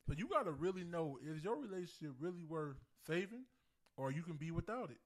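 Casual male co-host, slightly high-pitched, thick-tongued underbite slur, rambling and repetitive. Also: very animated, a little fast. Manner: rambling, self-correcting, repeats phrases for emphasis. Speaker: co-host of a relationship talk show with his wife. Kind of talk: casual relationship chat.

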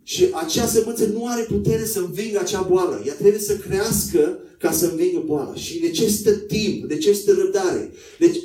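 A man preaching a sermon in a conversational way, acting out quotes in a higher voice. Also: few pauses, dark tone, soft background music. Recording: echoey room, voice from a distance.

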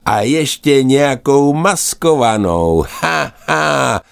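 Muž hrající posměšné chechtající se racky. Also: male voice, medium pitch, sing-song, creaky, clean tone, no room sound, clean studio sound, pitched above the performer's own voice. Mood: mocking. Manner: cackling, taunting. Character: jeering gulls, loud mocking flock.

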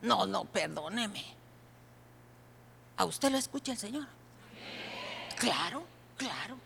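A woman pastor preaching a sermon, speaking animatedly and directly to the congregation, at times breaking into shouts. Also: medium pitch, slow, gravelly, a little hiss or hum. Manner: animated, addresses listeners directly, bursts into shouts.

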